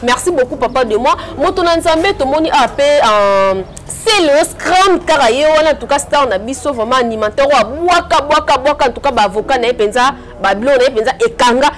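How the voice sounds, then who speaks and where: A woman hosting a casual chat, giving soft replies and upbeat praise. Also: high voice, expressive, fairly quick, few pauses.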